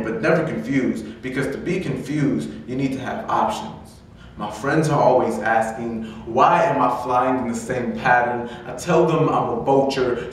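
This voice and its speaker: A young man from Detroit reciting confessional spoken word poetry in an earnest, measured, dramatic way. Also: mid-range voice. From Detroit, United States. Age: young adult. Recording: roomy echo, distant mic, faint noise.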